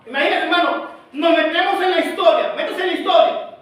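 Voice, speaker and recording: In a church, a male pastor preaches an emphatic sermon packed with rhetorical questions for the congregation. His voice is extremely high, a little fast and fairly bright. The recording is distant in an echoey hall, with faint noise.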